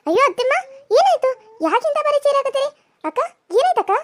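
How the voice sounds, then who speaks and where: A woman's voice: very high-pitched, very animated, fast, no echo, studio quality. A woman voicing a pampered young sister-in-law, who is chatty and sly and feigns sympathy. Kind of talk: cartoon voice acting.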